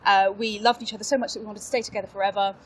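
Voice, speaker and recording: A woman's voice: mid-range voice, level tone, racing, a bit bright, slight background noise, poor audio. A young woman from England, an actor and improviser, chatting as a podcast guest in a bubbly, self-mocking way and laughing often. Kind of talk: casual interview chat.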